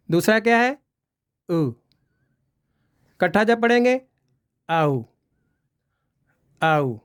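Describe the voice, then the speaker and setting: Slow, patient male English teacher. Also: high voice, clean tone. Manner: patient, repeats sounds slowly for drilling. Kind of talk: slow spoken pronunciation lesson.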